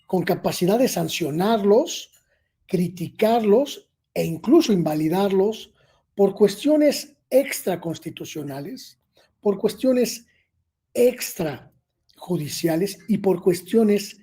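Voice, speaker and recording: A man, a guest journalist giving measured, emphatic political commentary with filler pauses. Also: high-pitched, expressive, warm tone, husky. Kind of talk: political commentary in an online interview.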